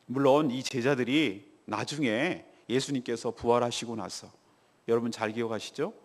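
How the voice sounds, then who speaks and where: A male pastor giving a sermon in a lively, animated manner, acting out the voices of the people in his story. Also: medium pitch, moderate pace. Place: church sanctuary. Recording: long church reverb.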